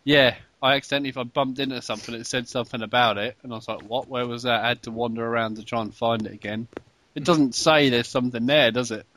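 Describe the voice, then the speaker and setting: A man hosting a casual podcast about video games, chatty and quick to laugh. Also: medium pitch, steady tone, a bit bright. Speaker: podcast host.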